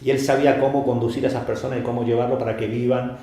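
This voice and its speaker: A middle-aged man, a magician co-hosting a podcast, explaining in a lively storytelling way with many fillers and repeated words. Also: mid-range voice, very fast. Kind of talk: casual explanatory chat. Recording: very echoey room.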